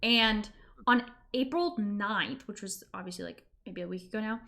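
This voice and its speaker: A woman's voice: mid-range voice, normal speed, creaky, bright, forceful tone. A woman streamer in casual reaction chat, talking informally and emphatically and acting out the reactions she quotes.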